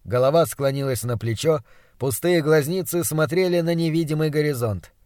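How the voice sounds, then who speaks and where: A male narrator reads a first-person adventure story in a measured, unhurried way. His voice is slightly high for a man and sounds close and dry, with no room around it. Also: no echo. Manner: measured, even storytelling read. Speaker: audiobook narrator. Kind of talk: scripted narration.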